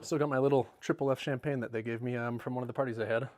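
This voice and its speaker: Here a middle-aged homeowner with a steady, darkish, mid-range voice races through a casual tour of his large house, walking room to room. He keeps up a rambling, self-mocking patter full of jokes and is at times out of breath.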